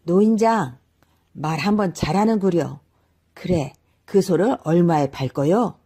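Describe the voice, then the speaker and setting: A woman's voice: fairly low pitch, lively intonation, measured pace, mellow, breathy edge, full character voice. A woman voicing a shrewd farmer man haggling over the price of an ox in a raised voice.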